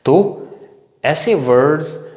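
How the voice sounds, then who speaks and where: A man's voice: a little high, expressive, drawn-out words, darkish tone. Echoey male English teacher lecturing. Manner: repetitive, asks the viewers questions and answers them, often says "friends". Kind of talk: explanatory grammar lecture. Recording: echoey room with long reverb.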